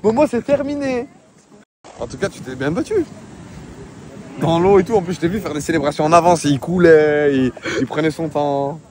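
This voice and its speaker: A man's voice: fairly high pitch, fairly quick, a little mellow, a little hiss or hum. A man persuading someone in casual, insistent, repetitive speech outdoors. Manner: insistent, repeats himself. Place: outdoors at night. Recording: outdoor location sound with crowd chatter.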